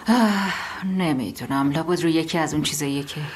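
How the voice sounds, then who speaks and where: A woman voicing a tired middle-aged mother in a dubbed drama, speaking softly and at times near a whisper. Her voice sits very low, with a faint noise under it. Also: lightly acted. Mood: weary.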